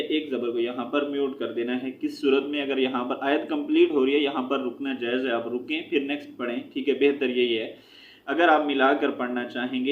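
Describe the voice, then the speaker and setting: A man teaching Quran recitation, spelling out letters and vowel marks syllable by syllable and blending them, with quick explanations that end in a repeated check-in. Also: medium pitch. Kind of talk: slow spelling-out recitation lesson. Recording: echoey room, dull lo-fi sound.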